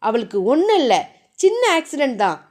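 A woman's voice: high-pitched, sing-song, a little fast, darkish tone. A woman voicing an elderly grandfather who reassures and hesitates, in a novel reading. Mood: reassuring. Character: calm elderly grandfather, soothing.

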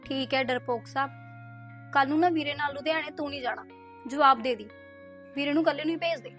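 A woman's voice: high voice, fast, a bit bright, soft background music. A young woman acting a bold, defiant daughter who talks back with sass in a short film. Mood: teasing. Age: young adult. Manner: sassy, argumentative. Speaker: teenage daughter.

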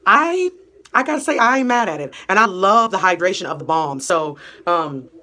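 A young woman talks casually as a beauty vlogger, upbeat and full of slang, in a mid-range, animated voice with a sharp tone at a moderate pace. She films on a phone held close, first in a small room at home and then out on a city street and in a gym.

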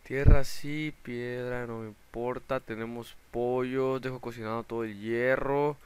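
Excitable gamer guy. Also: mid-range voice, measured pace, smooth. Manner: excitable, shouts in panic at sudden dangers. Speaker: gaming channel host. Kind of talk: let's play gameplay commentary.

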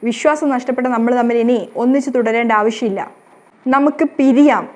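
A woman voicing a proud young husband who is quick to anger and speaks in stern, curt lines, in a storybook retelling. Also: a little high, darkish tone, no room sound, natural voice.

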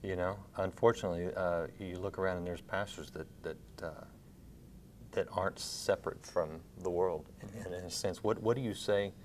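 Deep voice, male TV host, affable, studio lapel mic, faint rumble. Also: steady tone, normal speed. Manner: affable, interjects short agreements. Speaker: TV talk show host. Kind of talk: TV interview. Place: TV studio set with blue drapes.

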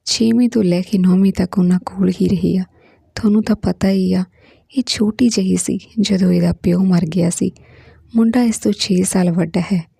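A woman's voice: on the low side, steady tone, moderate pace, creaky, warm tone, husky, dry recording, studio quality. A woman reading the lines of a poor widowed mother who speaks meekly and pleads politely. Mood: humble pleading. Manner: meek, pleading, folded-hands politeness.

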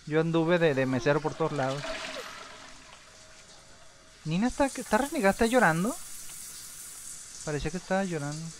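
A young man, casually commenting on his life-sim game in a rambling way, with sudden excited shouts. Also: fairly high pitch, moderate pace, pauses often, slight background noise. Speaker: gameplay streamer.

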